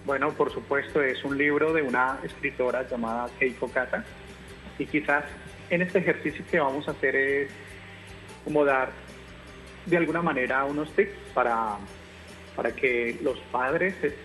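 Calm male teacher reading a story. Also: medium pitch, moderate pace, soft background music, poor audio. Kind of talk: reading a children's story aloud.

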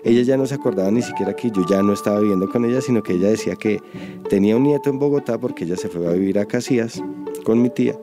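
A man with a Colombian accent, speaking earnestly in an interview and pausing to search for words. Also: fairly low pitch, music in the background. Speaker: storyteller interviewed. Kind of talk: reflective interview.

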